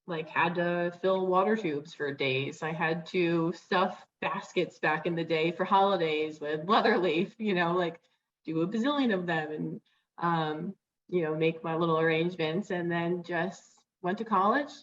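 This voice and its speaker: A young adult woman, a florist appearing as a guest on a video call, talks in a chatty, unhurried way with a voice on the low side, using lots of "like"s and "um"s. The audio sounds dull.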